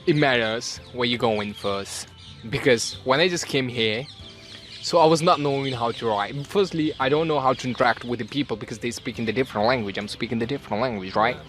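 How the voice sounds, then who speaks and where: A man, a student chatting in a group interview, animated, sometimes acting out other people in a high voice. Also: fairly quick, soft background music. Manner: animated, acts out puzzled locals in a high voice.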